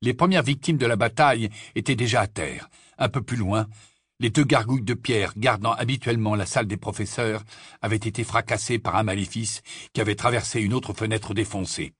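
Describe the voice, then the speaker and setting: Male audiobook narrator, husky, mid-pitched, steady storytelling, dry booth sound. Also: fairly quick, no echo. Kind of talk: scripted narration.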